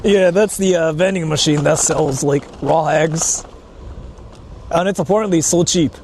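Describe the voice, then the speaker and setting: On foot in the countryside, a man from Japan who speaks Japanese natively hosts a casual outdoor live stream, thinking aloud with repetition, exclamations and casual swearing. His somewhat high voice is a little mellow and a little slow. Ambient vehicle noise runs through the recording.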